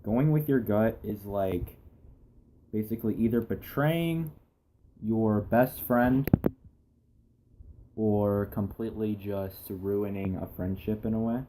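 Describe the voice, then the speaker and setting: A man's voice: lowish voice, slow, long pauses, mellow, slight background noise. A young man hosting a casual podcast, rambling through topics with a lot of restarts and laughter. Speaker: podcast host. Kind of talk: casual chat.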